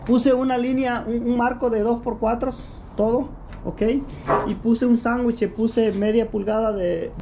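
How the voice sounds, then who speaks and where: A man talks through building a workbench outside his shed and explains each step plainly. He keeps checking in with the viewer as he goes. The sound is echoey, with steady noise behind him. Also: high-pitched. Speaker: home repair vlogger. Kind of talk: casual how-to narration. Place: outdoor workshop by a shed.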